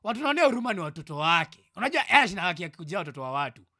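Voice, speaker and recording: A man's voice: high voice, very animated, rapid-fire, no echo, clean studio sound. A young Kenyan man in his twenties ranting heatedly on a livestream, repeating himself and dropping into mutters. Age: 20s. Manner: loud, heated and repetitive, often dropping to mutters. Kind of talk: livestream reaction rant.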